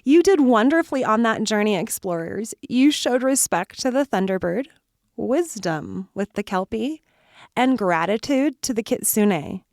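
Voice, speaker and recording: A woman narrating a children's campfire story, soothing and slow, with whispered parts and call-and-response. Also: a little high, expressive, darkish tone, a little hiss or hum.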